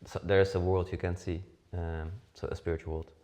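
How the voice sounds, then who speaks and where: Speaking a little fast in a low, level, dark-toned voice, this Dutch man in his forties co-hosts a podcast. The talk is casual, with lots of fillers and restarted phrases.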